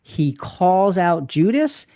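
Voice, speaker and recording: A man's voice: high-pitched, very animated, slow, warm tone, no echo, studio quality. Emphatic man leading a Bible discussion. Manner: emphatic, explanatory, repeats key points. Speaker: podcast host.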